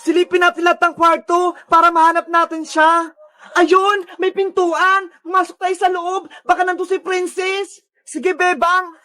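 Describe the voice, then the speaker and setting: Very high-pitched frantic cartoon voice. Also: little pitch movement, unhurried. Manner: frantic shouting and calling out. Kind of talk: cartoon voice acting.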